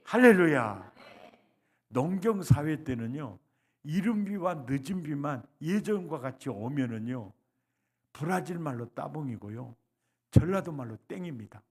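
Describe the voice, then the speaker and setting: A male pastor preaching a revival sermon, leading the congregation in call-and-response and swinging from soft lines to loud cries. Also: fairly high pitch, lively intonation, normal speed, slightly rough. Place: church sanctuary.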